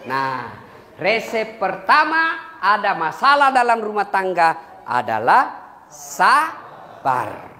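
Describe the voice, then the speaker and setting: A man preaching a humorous sermon to a congregation, lively and joking, sometimes breaking into a few lines of song. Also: high voice, takes it slowly. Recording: echoey hall with faint ambience.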